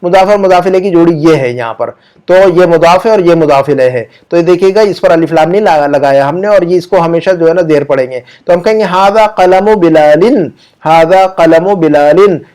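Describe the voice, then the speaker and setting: An Urdu-accented male teacher runs an online grammar lesson, patiently explaining, repeating sample sentences at a slow pace, and quizzing his students. The voice sits fairly high and sounds a little mellow.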